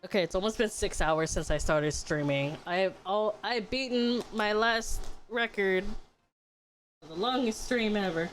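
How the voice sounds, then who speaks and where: A woman's voice: mid-range voice, a little slow, soft background music. A woman streamer chatting casually while gaming, ranting with lots of swearing and frequent laughter. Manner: foul-mouthed, ranting, laughs often.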